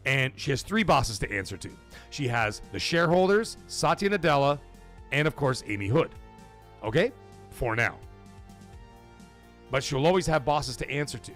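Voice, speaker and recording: A man with a slightly high voice hosts a casual live commentary stream, addressing his chat in an animated, profane style packed with rhetorical questions.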